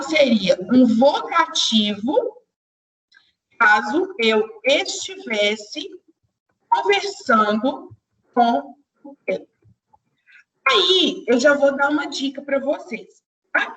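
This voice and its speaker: Young woman, teacher, step-by-step grammar lesson, high voice, slightly distant mic. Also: sharp tone. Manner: explains step by step, addresses students directly.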